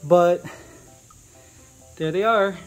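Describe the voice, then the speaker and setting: A middle-aged Canadian man chats with viewers in a casual vlog while showing an outdoor animal enclosure and handling pets as he explains. His voice sits high and moves very slowly, with faint music in the background.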